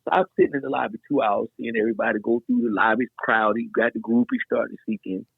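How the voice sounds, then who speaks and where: A middle-aged man, a guest DJ, telling a story in a loose, animated way, full of slang and fillers. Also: medium pitch, fast talker, creaky, slightly rough, no echo. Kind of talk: casual storytelling in a podcast interview. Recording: dry, tinny phone-like sound.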